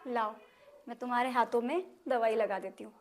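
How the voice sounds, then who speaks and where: Give me a woman playing a loving young village wife with a soft, slightly high voice. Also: fairly even intonation, brisk, a little hiss or hum, lightly acted. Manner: soft, affectionate. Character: devoted young village wife, tender-hearted.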